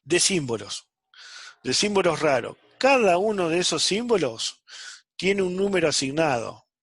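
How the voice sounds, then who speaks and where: A man's voice: on the high side, sing-song, unhurried, fairly bright tone, breathy edge, no room sound. A man teaching a programming class online, checking in with the students after nearly every phrase. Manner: checks understanding with frequent "¿sí?" and "¿está?".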